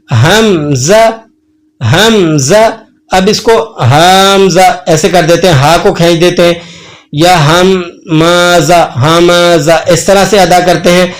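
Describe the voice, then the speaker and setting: A man teaches tajweed in a patient lesson. He sounds out Arabic letters slowly and draws them out, repeating each one as an example for the learner. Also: sits high. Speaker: Quran recitation teacher.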